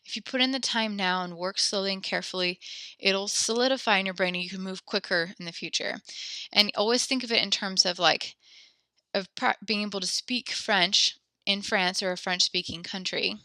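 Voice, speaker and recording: A woman's voice: mid-range voice, moderate pace, sharp tone, no echo. A young woman teaching a French class online, patient and encouraging, slightly out of breath, speaking close to the mic. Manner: encouraging, patient, explains step by step. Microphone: headset or desk mic close up.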